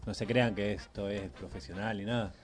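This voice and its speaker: A man's voice: fairly low pitch, steady tone, brisk, soft background music. A man joining a casual radio chat, easygoing and slangy.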